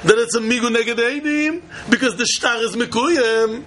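A man with a very high, bright voice and a Yiddish accent gives a religious study lecture. He teaches by posing questions and repeating his points as he argues them through. There is faint noise behind him. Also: moderate pace. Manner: repetitive, questioning, argumentative explanation. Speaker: Talmud teacher.

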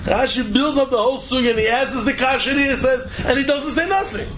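High-voiced man, religious teacher, rhetorical questions, emphatic repetition, slight room noise behind. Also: fast. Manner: animated rhetorical questioning, repeats phrases for emphasis. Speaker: Talmud teacher. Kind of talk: informal Talmud lecture, question and answer.

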